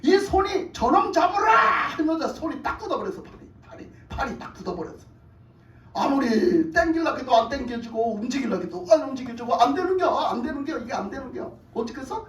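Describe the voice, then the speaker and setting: A woman's voice: high-pitched, expressive, quick pace. Lady pastor preaching casual story-style, asks the crowd questions, sounds far off in a roomy hall. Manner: colloquial storytelling, asking the congregation questions. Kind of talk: sermon. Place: church hall.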